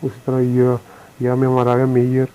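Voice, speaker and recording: Flat-voiced Indian man teaching slowly. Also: mid-range voice, lo-fi sound, a little hiss or hum. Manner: slow, repetitive explanation with frequent fillers. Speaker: shorthand teacher. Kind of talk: recorded lesson explaining on a board.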